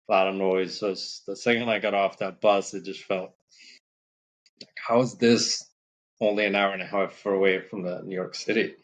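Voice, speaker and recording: A man from Morocco, a podcast guest, telling his story in a relaxed, rambling way with many fillers. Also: low voice. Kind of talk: casual storytelling interview.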